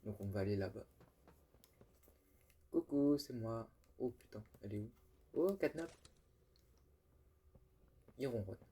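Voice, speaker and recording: A man's voice: medium pitch, lively intonation, measured pace, pauses often, warm tone, breathy edge. A young man casually commenting on a game he is playing, joking and chatty with many fillers and restarts. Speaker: gaming youtuber. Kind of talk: casual let's-play commentary.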